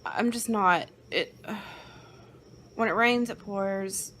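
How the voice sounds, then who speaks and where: A woman's voice: mid-range voice, drawn-out words. A woman filming a casual family vlog on her phone while travelling, chatty, giggly and worn out. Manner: animated and giggly, then weary and deflated. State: tired. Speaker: vlogger, mother. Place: airport, plane and home. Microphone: handheld phone. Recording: noisy phone video with vehicle hum.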